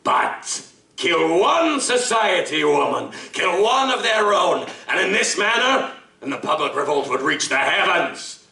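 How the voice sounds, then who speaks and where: In live radio-style audio drama, a man plays a savage, articulate monstrous killer, gloating and contemptuous with gravelly, grandiloquent menace and a forceful edge. His voice sits high and sing-song, a little slow and heavily acted, captured by a distant mic on a roomy live stage.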